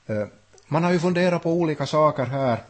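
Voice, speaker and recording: A man's voice: fairly high pitch, expressive. A man teaching a Bible study, thinking aloud with frequent restarts and hesitations. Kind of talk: unscripted Bible study talk.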